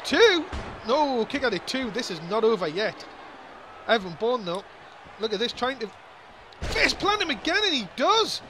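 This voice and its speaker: A man calling a wrestling match play by play, excitable and quick to grumble. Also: very high voice, a little hiss or hum. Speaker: wrestling commentator.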